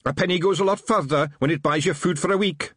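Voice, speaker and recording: A man's voice: a little high, quick pace, fairly bright tone, slightly rough, no room sound, studio quality, pitched above the performer's own voice. A man voicing a tiny cheerful male Feegle policeman who loves culture, with a broad Scottish accent and a chirpy, boastful manner.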